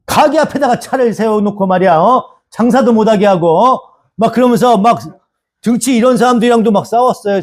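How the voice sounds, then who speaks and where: A man preaching a Sunday sermon as pastor, animated and asking the congregation for agreement again and again. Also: high voice. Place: church sanctuary.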